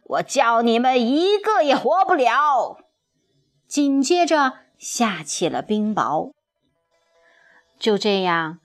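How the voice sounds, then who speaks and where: A woman narrating a children's story in an expressive, animated way. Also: fairly high pitch. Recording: soft music behind.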